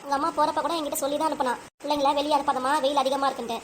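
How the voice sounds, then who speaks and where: A woman with a Tirunelveli Tamil accent voicing a sharp-tongued grandmother who scolds without pause in a cartoon. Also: high-pitched, steady tone, a little hiss or hum, close to an everyday voice. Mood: scolding. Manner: nagging, rapid-fire scolding.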